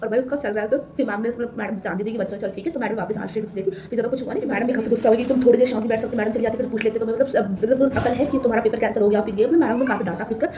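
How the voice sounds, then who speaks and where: A woman's voice: fairly high pitch, racing, hardly any pauses. A teenage girl vlogging casually to camera, rambling, repeating herself and laughing as she tells a story.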